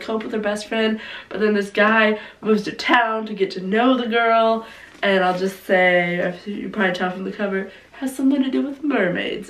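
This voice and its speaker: A woman's voice: medium pitch, far from the mic. A young woman, sick with a cold, talks in a congested voice from some way off the microphone in an echoey room. Her delivery is informal and rambling, as in a casual video chat, and she often breaks off and restarts her thoughts. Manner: rambling, informal, self-interrupting, frequent "like". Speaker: book vlogger presenting favorite reads.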